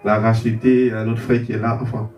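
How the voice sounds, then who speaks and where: Here a man from Côte d'Ivoire, guesting in an interview, shares his testimony in a lowish, darkish voice, brisk and level in tone. He trips over repeated words and performs the dialogue of his story. Recorded on a distant mic, the audio is roomy with a faint background hum.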